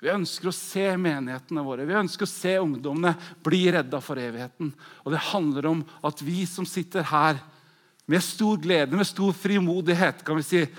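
A man in his forties delivering a pentecostal sermon at a conference, with a fairly high voice. He preaches fervently, jumping from loud, eager exclamations to soft, hushed prayer. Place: large conference hall.

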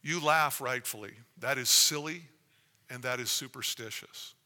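A man delivers a sermon in a piercingly bright, forceful voice. He mixes chatty personal asides with emphatic rhetorical questions, and his words ring with the long reverb of a large hall. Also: mid-range voice, moderate pace. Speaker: preacher. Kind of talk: sermon to a congregation, with personal anecdotes. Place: large reverberant room, preaching to an audience.

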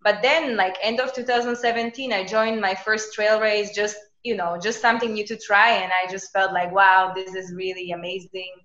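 A woman's voice: mid-range voice, normal speed, few pauses. Woman, 30s, chatty podcast guest, roomy echo, dull sound. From Slovakia. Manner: lively and chatty, with many "you know" and "like" fillers. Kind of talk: casual interview chat. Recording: echoey, dull lo-fi remote recording.

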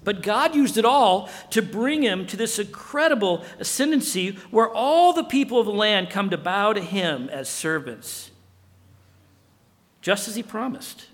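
A man preaching a sermon as pastor in an animated way, acting out dialogue. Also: high-pitched, in a large hall.

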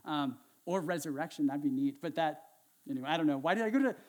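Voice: mid-range voice, lively intonation, fast, darkish tone. A pastor giving a casual, conversational sermon, asking the congregation questions and adding sarcastic, self-mocking asides.

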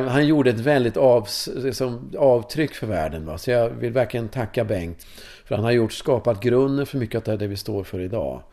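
Animated middle-aged Swedish man. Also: medium pitch. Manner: animated, casual, swears, tag questions. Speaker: course leader in sexuality and breathwork. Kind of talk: personal storytelling in an interview.

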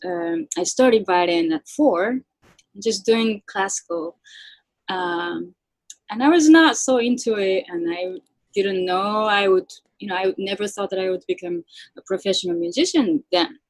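A Japanese-born woman violinist with a Japanese accent, a native Japanese speaker, chatting in an interview with a soft, halting delivery full of fillers. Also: mid-range voice, animated, no echo, rough recording. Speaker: guest violinist. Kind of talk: casual interview chat.

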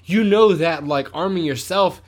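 A man's voice: a little high, normal speed. A man co-hosting a podcast in casual comedic chat, rambling and profane, often correcting himself. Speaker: podcast co-host.

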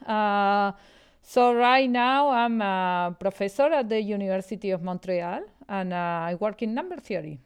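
Smooth-voiced woman from Argentina explaining math. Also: medium pitch. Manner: explanatory, halting with fillers. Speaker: guest, math professor. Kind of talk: podcast interview.

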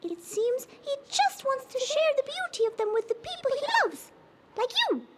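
A performer voicing a small, earnest female guardian elf in a children's story, squeaky and formal in manner. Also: very animated, moderate pace. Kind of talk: children's audio story character voice. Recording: loud background noise.

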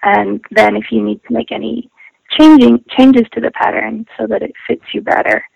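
A woman's voice: fairly high pitch, steady tone, normal speed, creaky, background noise. A woman guest heard over an internet phone call, talking casually and hesitantly with many ums and restarts. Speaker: guest knitwear designer.

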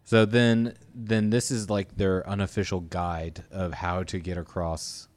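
A man with a low voice walks through a film's plot on a podcast. His delivery is dry and deadpan, with flat asides tucked between the story beats. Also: measured pace. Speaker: podcast co-host. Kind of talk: casual chat.

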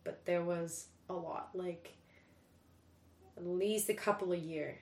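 Woman, young adult, candid chatty podcast guest, swears casually, lowish voice, echoey room. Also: fairly even intonation, takes it slowly, darkish tone, slight background noise. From Sweden. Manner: candid, chatty, swears freely, laughs while talking. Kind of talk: casual conversation.

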